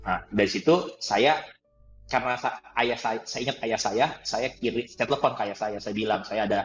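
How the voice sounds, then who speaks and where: A man telling a personal story in conversation, animated, laughing often and acting out the dialogue. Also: on the low side, normal speed, highs cut off, faint music behind. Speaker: guest trainer.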